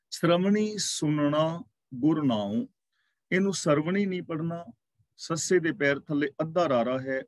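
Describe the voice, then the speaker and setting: Man, scripture teacher, slightly high voice, dry close sound, slow careful recitation. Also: dry recording. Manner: slow deliberate recitation of verses, then explaining. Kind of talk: scripture explanation class.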